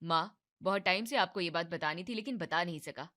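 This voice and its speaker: A woman voicing a young husband in a cartoon family drama, placating his wife and mother. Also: a little fast. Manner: soft, placating, lower voice. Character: young husband, soothing and evasive.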